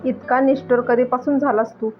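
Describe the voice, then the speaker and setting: A woman's voice: high-pitched, moderate pace, highs cut off, faint music behind, natural voice. A woman voicing a stern aging father-in-law who scolds his son-in-law in a spoken story. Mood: scolding. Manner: plain, steady reading.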